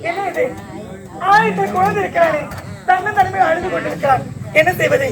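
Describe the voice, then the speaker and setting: A man in a street theatre troupe playing a tender young village woman about to marry, with a loud, declamatory stage delivery. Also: very high voice, a little fast. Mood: soothing. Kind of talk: outdoor street theatre acting. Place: outdoor street stage with a crowd. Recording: noisy outdoor crowd recording.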